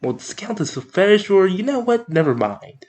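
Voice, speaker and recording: A man's voice: sits high, a little fast. A man hosting a casual anime review video, rambling, jokey and correcting himself as he goes. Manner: animated, up-and-down delivery. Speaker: anime reviewer, channel host.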